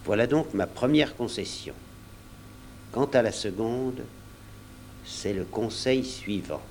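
Man doing a serious doctor, urgent and firm, steady middle voice. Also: mid-range voice, slow, slight background noise, natural voice. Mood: urgent, grave. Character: earnest middle-aged male doctor, resolute.

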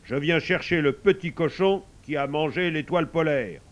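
A man doing the sun, calm and firm. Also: on the high side, moderate pace, lo-fi sound, pitched above the performer's own voice, natural voice. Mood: insistent. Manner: calm, assured, gently firm. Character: the sun as a calm kindly man in dark glasses.

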